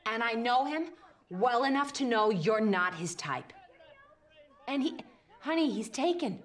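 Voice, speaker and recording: An actress playing a weary, jealous middle-aged woman who stammers nervously and swings from hushed to agitated. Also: a little high, animated, measured pace. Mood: bitter. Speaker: actor in a film scene. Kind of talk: naturalistic film acting.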